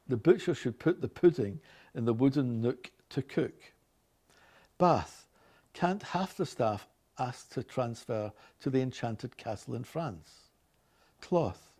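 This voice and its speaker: A man's voice: medium pitch, warm tone. A man in his late sixties with a Glasgow Scottish accent. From Glasgow, Scotland. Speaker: organist. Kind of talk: reading accent sample passages and word lists aloud; casual chat about his own life.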